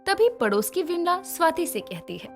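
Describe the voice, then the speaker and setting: A woman narrating a cartoon moral story in an expressive storytelling manner. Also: very high voice, normal speed, soft background music.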